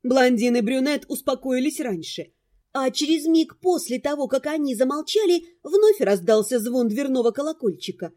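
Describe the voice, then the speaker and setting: A woman calmly narrating a first-person fantasy audiobook. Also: sits high, normal speed.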